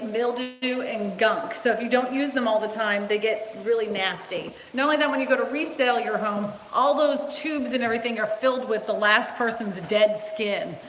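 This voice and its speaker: A woman's voice: on the high side, normal speed, fairly bright tone, big-room sound, slight background noise, rough recording. A woman from Massachusetts, a real estate agent, giving a casual, blunt and chatty live-streamed tour inside an empty new house. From Massachusetts, USA. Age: adult.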